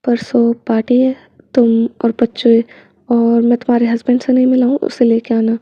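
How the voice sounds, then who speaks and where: A woman voicing a formal, kindly older army general who speaks in a measured way. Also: fairly high pitch, completely flat delivery, warm tone, slightly rough, dry recording, lo-fi sound.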